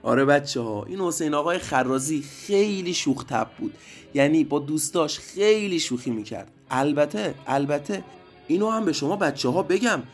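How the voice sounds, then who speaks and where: A man narrating a story for children, lively and addressing the kids directly. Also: a little high. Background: faint music.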